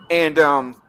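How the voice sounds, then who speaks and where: Man, host, lively swooping pitch, casual movie talk, laughs often. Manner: animated, laughs often, recaps plots.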